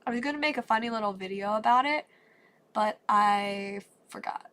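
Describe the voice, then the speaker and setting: Opening trading cards on a live stream, this woman talks at an ordinary speed in a mid-range, somewhat bright voice. Still stuffy and recovering her voice, she keeps the casual chat cheerful and meandering.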